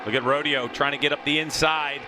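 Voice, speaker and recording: High-voiced male motorsport commentator. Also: a little fast, very noisy. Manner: animated play-by-play calling, rising to shouts at action. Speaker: motorsport commentator, lead race caller. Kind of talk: live race commentary.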